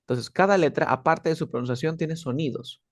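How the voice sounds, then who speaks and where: A man's voice: a little high, fairly quick, no room sound, studio quality. A man teaching an English lesson in a patient, casual way, often checking that he is understood.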